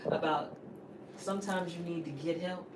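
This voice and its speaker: A woman's voice: fairly low pitch, steady tone, moderate pace. Echoey, distant woman speaking with emphatic repetition. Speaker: host. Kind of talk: conversational personal testimony and questioning. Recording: echoey room, distant mic, noisy background.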